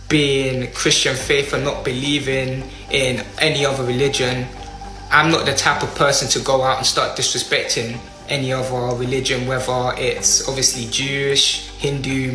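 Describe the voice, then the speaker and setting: Young British male, earnest and halting statement, bright tone, audible room echo. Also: medium pitch, level tone. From United Kingdom. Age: young adult. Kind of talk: spoken apology statement to camera. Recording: roomy echo, faint music behind.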